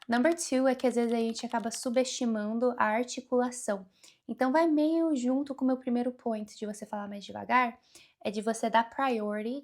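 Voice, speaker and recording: Young woman teaching, slow and deliberate. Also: fairly high pitch, a little mellow. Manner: mixes English words into Portuguese speech; speaks slowly and deliberately. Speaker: English teacher. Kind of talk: casual video lesson.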